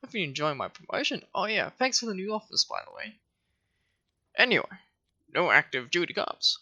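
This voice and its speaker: Man doing a snobby, gravelly rival cop. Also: sits high, sing-song, normal speed, voice pushed up, heavily acted. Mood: sneering. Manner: taunting, sneering, loud. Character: smug, snobby rival police officer, male.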